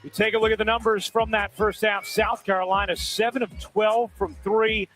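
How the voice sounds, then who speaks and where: A man calling a televised basketball game from courtside as play-by-play commentator, brisk and measured. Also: sits high, flat delivery, fairly bright tone, faint music behind. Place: courtside at an arena.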